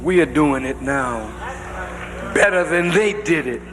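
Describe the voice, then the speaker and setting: A male preacher delivering a sermon to a congregation in a large hall, speaking emphatically with drawn-out phrases that rise to shouts. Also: fairly high pitch, noisy background. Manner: addresses the congregation directly. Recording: long reverb of a large hall.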